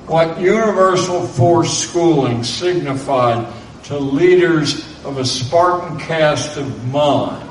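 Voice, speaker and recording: A man reading a lecture aloud in a measured way, now and then spelling out names letter by letter. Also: medium pitch. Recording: roomy, distant mic with faint background noise.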